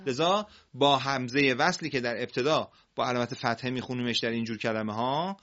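On a broadcast, a man teaches Quran reading, explaining patiently, asking his students questions, and drawing words out slowly. His mid-range voice is a bit bright, and the sound is lo-fi.

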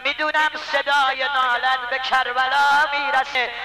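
A man's voice: very high-pitched, flat delivery, over music. A man leading a religious gathering as a eulogist, delivering an impassioned mourning recitation in a half-chanted, emotional voice.

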